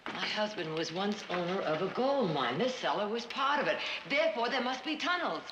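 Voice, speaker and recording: An actress plays a resolute middle-aged American frontier matriarch in a classic TV western. Her delivery is deliberate and commanding, with a very lively range. The old soundtrack is echoey, with clear noise. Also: medium pitch, natural voice. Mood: determined. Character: resolute, level-headed ranch matriarch trapped underground. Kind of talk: 1960s television western acting.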